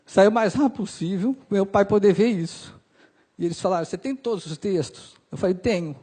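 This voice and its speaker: High-voiced young Brazilian man storytelling. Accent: Brazilian Portuguese. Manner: emotional, acts out dialogue, drops soft for sad parts. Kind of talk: personal storytelling speech.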